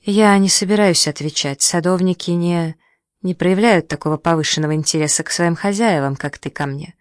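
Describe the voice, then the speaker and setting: An audiobook reader voicing a proud, sharp-tongued young woman who speaks with sarcasm and indignation. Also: fairly low pitch, moderate pace, no room sound, studio quality, natural voice. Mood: furious. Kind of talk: audiobook dialogue.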